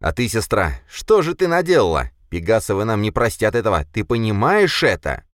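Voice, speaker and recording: A man voicing a hot-tempered young clan head, a bullying brother who snarls and shouts threats. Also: low-pitched, normal speed, no echo, studio quality, natural voice. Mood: angry. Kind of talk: audiobook character voice.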